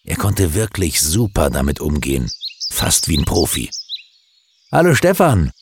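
A man reading a children's story aloud with expressive, dramatic storytelling. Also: extremely low pitch, moderate pace, gravelly, background noise.

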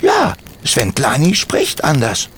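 Bearded forest gnome father, kind and stern, higher than the narrator, done by a man. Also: huge pitch swings, takes it slowly, fairly bright tone, slight background noise, heavily acted. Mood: earnest, firm. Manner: earnest, patiently lecturing, repeats questions.

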